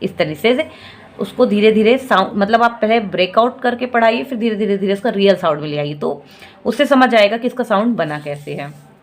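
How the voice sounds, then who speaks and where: Woman slowly spelling out fruit names. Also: mid-range voice. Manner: slow, drawn-out syllable-by-syllable spelling; patient and instructive. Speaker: teacher giving parenting tips. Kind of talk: spelling lesson for parents.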